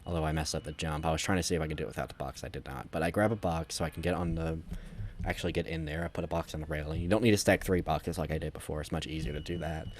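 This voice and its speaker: Low-voiced man giving casual game commentary. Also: steady tone, rapid-fire, slight background noise. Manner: rambling, self-correcting, conversational. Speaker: gameplay commentator.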